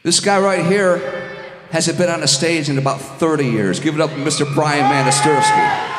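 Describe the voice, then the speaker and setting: A man talks to the crowd from a small club stage, introducing his bandmates in a loose, joking way. His slightly high voice rings through the PA into a long, echoing hall, with amplified instruments behind him. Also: normal speed. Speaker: band frontman. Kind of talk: stage banter between songs. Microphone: handheld stage mic through PA.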